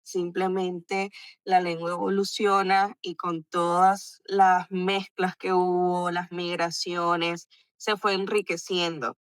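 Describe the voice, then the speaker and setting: A woman's voice: on the low side, little pitch movement, takes it slowly, smooth, no echo. A woman from Barranquilla with a Colombian coastal accent, explaining ideas from linguistics in a hesitant way full of fillers. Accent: Colombian coastal Spanish. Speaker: book club member with a linguistics background. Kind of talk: casual book club discussion.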